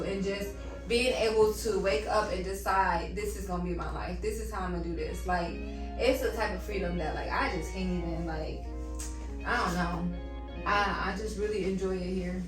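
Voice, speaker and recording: A woman's voice: mid-range voice, steady tone, normal speed. A woman in a casual, heartfelt chat, talking colloquially and reflectively, letting phrases trail. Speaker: vlog co-host. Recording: echoey room, distant mic, music underneath. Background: background music.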